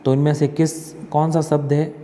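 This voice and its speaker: A man teaching an exam-prep spelling lesson, asking and answering his own questions and repeating words slowly. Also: fairly high pitch, level tone, mellow, long reverb tail, slight background noise.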